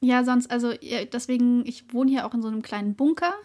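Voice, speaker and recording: A young woman in her twenties chatting as a podcast co-host, her voice sitting a little high. She hesitates often with fillers and breaks into laughter as she talks. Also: fairly even intonation, fast talker, warm tone, a little hiss or hum. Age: 20s. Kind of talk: casual chat.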